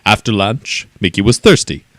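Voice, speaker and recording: Male storyteller, lowish voice, animated reading, dry close sound. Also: normal speed, no room sound. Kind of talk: children's story read-aloud.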